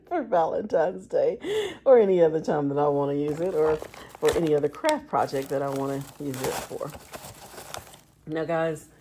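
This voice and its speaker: A woman's voice: fairly low pitch, mellow, slight background noise. A middle-aged woman, chatting affectionately through a shopping haul as a vlog host and laughing often. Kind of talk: casual shopping haul chat.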